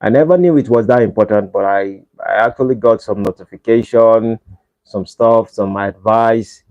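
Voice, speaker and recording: On dull, lo-fi livestream audio, a Nigerian-accented host chats casually and begs his audience to hit like. His voice sits fairly low and moves at a normal speed.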